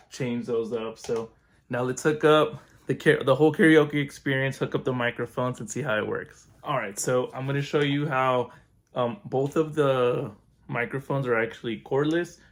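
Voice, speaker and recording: A man giving a relaxed, chatty product review at home, walking through features. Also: mid-range voice. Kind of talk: casual unboxing review.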